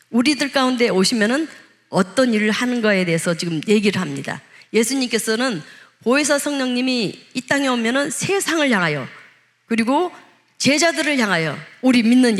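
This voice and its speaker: A woman pastor delivering a sermon in a conversational way. She asks the congregation questions and acts out the lines she quotes. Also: on the high side. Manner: acts out quoted speech in changed voices.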